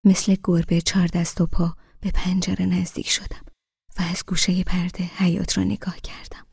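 A woman narrating a novel in the first person, in a soft, half-whispered, wistful voice. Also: fairly low pitch, level tone, gravelly, slightly rough, dry recording, studio quality. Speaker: audiobook narrator.

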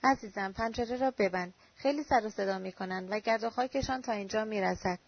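A woman's voice: mid-range voice, breathy edge. A woman reading the lines of an anxious, lonely man who pleads earnestly with the woman he loves. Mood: pleading. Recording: dull lo-fi recording.

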